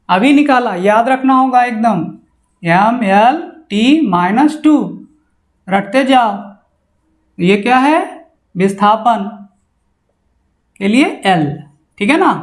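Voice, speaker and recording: A male physics teacher lectures at a board. He keeps firing rhetorical questions at his students and answers them himself. His voice rings in an echoey classroom. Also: high voice. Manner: drilling with constant rhetorical questions.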